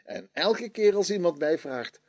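Slow, lively-voiced male radio columnist. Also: sits high. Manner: opinionated, rhetorical questions. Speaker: language columnist. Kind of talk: scripted radio commentary.

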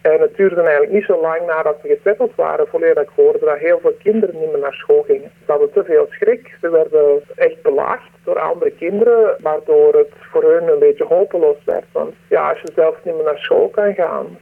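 A woman, her voice disguised by a deep pitch-shift distortion, answering a radio interview earnestly with hesitant pauses. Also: vocal fry. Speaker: anonymous former aid worker interviewee. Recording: distorted, narrow phone-like sound.

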